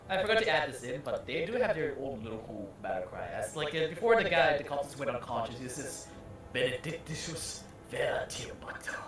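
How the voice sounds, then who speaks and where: A man's voice: fairly high pitch, very animated, quick pace, few pauses, fairly bright tone. A man running a tabletop game as game master, narrating casually with many fillers and frequent laughter. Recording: echoey room with background noise.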